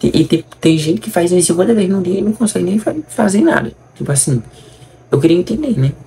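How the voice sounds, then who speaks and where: A man's voice: sits high, expressive, quick pace, vocal fry, dark tone, breathy edge. A young man with a Brazilian accent giving casual, exasperated, teasing reaction commentary in colloquial speech. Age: young adult. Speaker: vlog host recapping a soap opera. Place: small room indoors.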